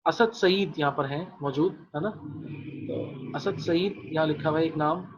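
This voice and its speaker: A man's voice: a little high, husky, lo-fi sound. A male Arabic teacher giving an online class. He repeats phrases patiently and calls on students by name.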